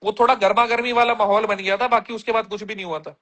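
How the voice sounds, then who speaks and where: A man's voice: high voice, fairly even intonation, fast, sharp tone. A man on a casual livestream, reading viewer comments aloud and answering them bluntly with plenty of slang.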